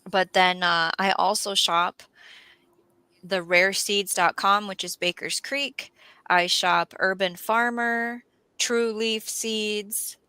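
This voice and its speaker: A chatty woman with a Minnesota accent hosts a relaxed gardening livestream and reads out viewer questions. Her voice is bright and crisp, set close in a dry, dead-sounding space. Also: mid-range voice, slow pace, dry recording. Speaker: livestream host. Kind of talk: casual gardening chat.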